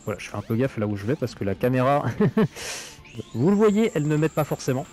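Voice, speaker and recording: A man's voice: mid-range voice, very animated, fairly quick, darkish tone, soft background music. Man with a bitcrushed 8-bit voice filter. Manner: chatty, filler-heavy, reacting to the game. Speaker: gaming streamer. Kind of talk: casual gameplay commentary.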